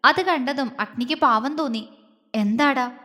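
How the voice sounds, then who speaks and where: A woman narrating an audio love story in an emotive, measured way. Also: high voice, fairly bright tone, long reverb tail.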